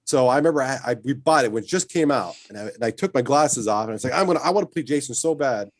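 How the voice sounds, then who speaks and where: A man telling lively stories as a guest in a casual chat, often laughing as he talks. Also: mid-range voice, rapid-fire, no echo. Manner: animated storyteller, laughs while telling stories.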